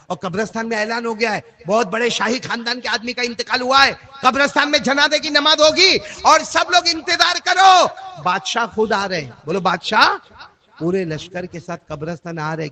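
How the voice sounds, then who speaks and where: Male preacher, high bright voice, animated storytelling. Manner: animated, asks audience to repeat. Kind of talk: storytelling sermon.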